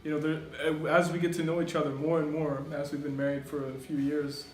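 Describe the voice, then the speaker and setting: A man's voice: on the high side, little pitch movement, a little fast, echoey room. A man from Oklahoma, co-hosting a casual couple's vlog, chiming in supportively and finishing his wife's points. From Oklahoma, USA. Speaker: vlogger, co-host of a couple's channel. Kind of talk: casual chat.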